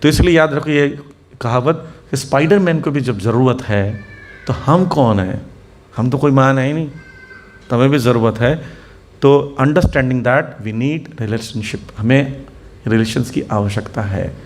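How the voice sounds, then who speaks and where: A spiritual teacher delivers a Hindi sermon, sprinkled with English words, to an audience seated before him. His voice is medium in pitch and a little slow, and he tells anecdotes, acting out the people in them and posing rhetorical questions.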